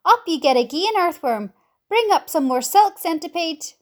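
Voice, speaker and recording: Young boy adventurer acted by a woman, high-pitched, urgent, giving orders in a storybook tale. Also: animated, measured pace, darkish tone. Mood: commanding. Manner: urgent, commanding.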